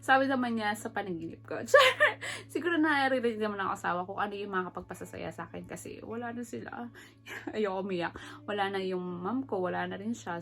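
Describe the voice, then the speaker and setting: With a gravelly, mid-range voice, a middle-aged woman from the Philippines talks through a relaxed personal vlog. Her delivery is emotional and talkative, full of frequent laughter, with English woven into her Tagalog.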